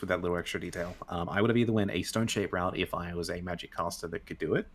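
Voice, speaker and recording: A man appears as a guest on an online show, chatting casually and rambling through stories while correcting himself along the way. His voice sits low with fairly even intonation, and he talks fast.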